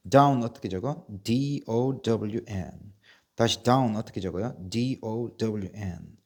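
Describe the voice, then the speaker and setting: A male English teacher running a patient spelling drill, spelling words out slowly letter by letter and coughing now and then from a sore chest. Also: on the low side, a little mellow. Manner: patient, repetitive, asks and answers himself. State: coughing, bronchial trouble. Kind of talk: slow spelling drill lesson.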